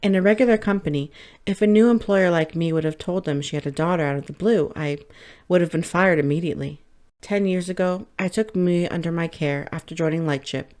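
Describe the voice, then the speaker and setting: A woman reading a first-person light novel audiobook in a steady, measured way. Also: on the low side. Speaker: audiobook narrator.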